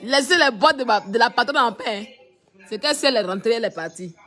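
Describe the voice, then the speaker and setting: A woman's voice: on the high side, expressive, fast talker, sharp tone. A woman giving mocking, repetitive live-stream commentary, often laughing as she talks. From Ivory Coast. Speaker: social media commentator.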